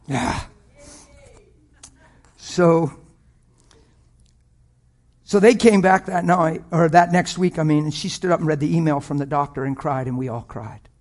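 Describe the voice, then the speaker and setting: A man in his fifties, a pastor, tells stories in a sermon with lots of animation and frequent laughter, dropping to a hush and rising to a shout. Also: on the high side, a little slow, long pauses. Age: 50s. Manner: animated, laughs often, swings from hushed to shouting. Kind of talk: sermon storytelling.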